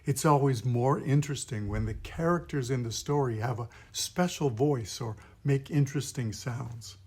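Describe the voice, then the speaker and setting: A man's voice: medium pitch, normal speed, a little mellow, slightly rough. A man, a pastor, patiently teaching puppet voices step by step in an instructional video.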